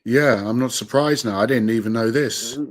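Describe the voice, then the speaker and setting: A man's voice: medium pitch, normal speed. A man in casual panel chat, talking bluntly and swearing freely.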